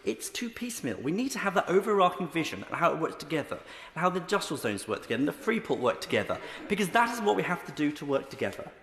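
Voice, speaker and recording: A man's voice: on the high side, big pitch swings, fast, a bit bright. A male member of parliament making a heated, emphatic debate speech, repeating phrases for force. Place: large indoor parliamentary chamber. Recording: echoey debating chamber with long reverb.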